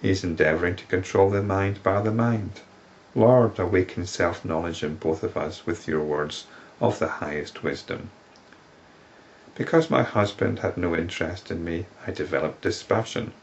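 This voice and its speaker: A man's voice: low-pitched, moderate pace, muffled recording, slight background noise. A man reading as an imploring woman seeker. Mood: pleading. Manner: earnest, imploring recitation. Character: pleading woman seeker from a sacred text.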